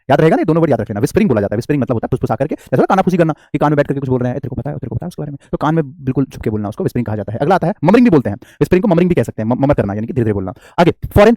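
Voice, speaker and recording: Rapid-fire male teacher, mellow voice. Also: mid-range voice, no echo, studio quality. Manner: chatty, jokey, calls students "beta", reads comments aloud. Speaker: English teacher. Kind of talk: live online vocabulary class.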